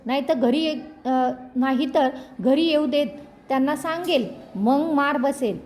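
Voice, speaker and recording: A woman's voice: high-pitched, a little slow, darkish tone, voice pushed up. A woman voicing a stern but loving village mother who scolds firmly and earnestly.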